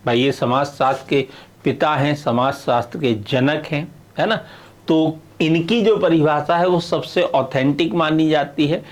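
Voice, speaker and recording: Middle-aged guy lecturing, kinda high voice, keeps checking u got it. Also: steady tone, measured pace. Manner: explains with repeated checks like "है ना" and "clear है". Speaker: sociology lecturer. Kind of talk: video lecture.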